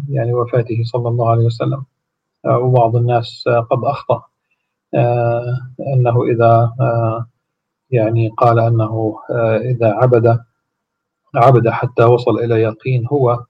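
A man reciting formal salutations and then giving a religious explanation, speaking slowly and haltingly with many drawn-out pauses. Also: medium pitch, slightly rough. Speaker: religious teacher. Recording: dull lo-fi recording.

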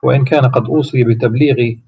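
A man reciting formal salutations and then giving a religious explanation, speaking slowly and haltingly with many drawn-out pauses. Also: mid-range voice, steady tone, gravelly, slight background noise. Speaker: religious teacher. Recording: dull lo-fi recording.

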